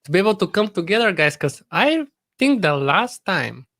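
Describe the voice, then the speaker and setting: A man's voice: sits high, very animated, normal speed, fairly bright tone. A man from Bulgaria, an upbeat, joking guest on a casual podcast chat. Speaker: guest YouTuber.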